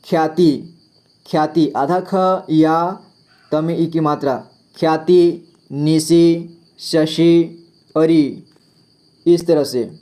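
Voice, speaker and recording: A man teaching beginners, reading each word aloud slowly and patiently. His voice sits a little high but has a dark, mellow tone. Crickets chirp faintly behind him. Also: steady tone. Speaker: Hindi teacher. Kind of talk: slow spelling lesson for beginners.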